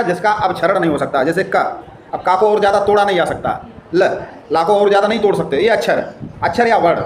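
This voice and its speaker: A man teaching a grammar lesson. He explains with everyday examples and asks questions as he goes. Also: high voice. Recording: echoey room with faint noise.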